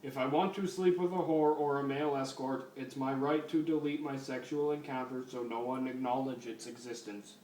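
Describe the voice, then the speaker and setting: A man voicing a stiff, literal-minded male cyborg cop who talks flatly in broken grammar, recorded at a distance in a roomy space. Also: mid-range voice, normal speed, hardly any pauses, natural voice. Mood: deadpan. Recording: roomy, distant mic, faint noise.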